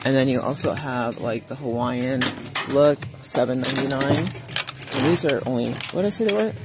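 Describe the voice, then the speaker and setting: A woman with a very deep voice, speaking at a moderate pace, narrates a casual shop-with-me video as a shopping vlogger. Wandering a large indoor retail store, she chats with viewers, calls them "you guys," and reads prices out loud. The phone audio, recorded as she films off camera, carries clear store noise.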